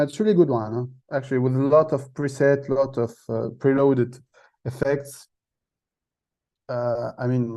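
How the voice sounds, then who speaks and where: Mellow man teaching over video call. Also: medium pitch. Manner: halting, many fillers and restarts, loose non-native phrasing. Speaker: masterclass instructor. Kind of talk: online workshop talk.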